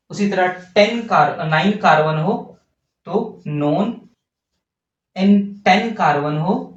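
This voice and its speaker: A man teaching a chemistry lesson while writing on a board. He talks slowly, asking questions and answering them himself. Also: high-pitched. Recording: distant, echoey, dull lo-fi.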